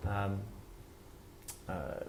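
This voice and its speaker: A middle-aged man, an author giving a workshop talk, speaking in a reflective, halting way as he thinks aloud. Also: a little mellow, a little hiss or hum. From Wales. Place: workshop room with listeners.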